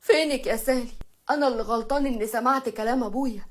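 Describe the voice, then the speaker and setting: A woman's voice: on the high side, fast, lightly acted. A woman voicing an exasperated young rich husband, fed up and complaining, with an Egyptian accent.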